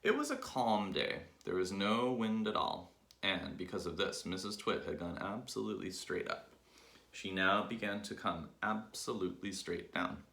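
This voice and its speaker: A man reading a children's book aloud with lively, expressive storytelling, in an echoey room. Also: deep voice, moderate pace, vocal fry. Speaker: reader.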